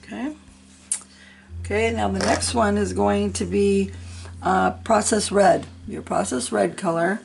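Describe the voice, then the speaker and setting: A slightly sick, sniffling middle-aged woman narrates a coloring tutorial in a mid-range, gravelly voice that stays steady and unhurried, with a little hiss or hum in the recording. She chats casually and encouragingly, often talking to herself mid-task.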